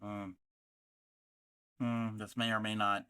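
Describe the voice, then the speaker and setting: A man from North America hosting a casual crafting livestream, talking in a halting, distracted way as he reads out chat messages. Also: lowish voice, little pitch movement, bright, forceful tone, clean tone. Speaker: livestream host of a craft channel.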